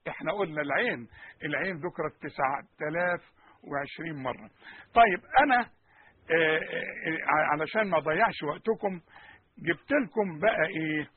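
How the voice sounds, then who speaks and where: A man with an Egyptian Arabic accent teaching Quranic pronunciation, repeating sounds and questioning his listeners in an animated way. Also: fairly high pitch, a little fast, husky, phone-quality sound.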